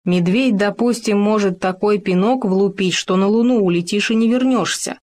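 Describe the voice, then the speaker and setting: A woman's voice: medium pitch, moderate pace, a little mellow, lightly acted. A woman voicing a stubborn male hamster who muses in a thoughtful, self-important way. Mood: musing.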